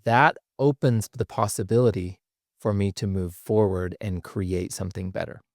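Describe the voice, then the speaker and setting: A man's voice: on the low side, steady tone, moderate pace, a little mellow, no room sound, studio quality. A man hosting a podcast, explaining ideas in a thoughtful, conversational way with frequent restarts. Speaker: podcast host.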